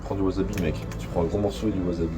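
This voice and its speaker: A man's voice: deep voice, fairly even intonation, very fast, background noise. A young man, chatting in casual slang with his friends. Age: young adult. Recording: music behind the voice.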